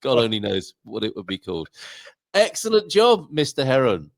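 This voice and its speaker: A man's voice: mid-range voice, huge pitch swings, moderate pace, dry recording. A man from the UK hosting a casual online show, chatting in a jokey, teasing way. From United Kingdom. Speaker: show host.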